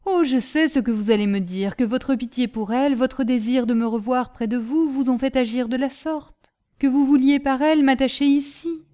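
A woman's voice: sits high, normal speed, dark tone, voice pushed up, lightly acted. A woman voicing an emotional young male lieutenant who pleads in an agitated, tearful way. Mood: anguished.

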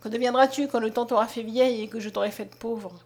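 Woman reading a soft-spoken blind young man. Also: fairly even intonation, quick pace. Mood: tender. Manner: soft, low and tender. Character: gentle blind young peasant man, sorrowful. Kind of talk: audiobook character reading.

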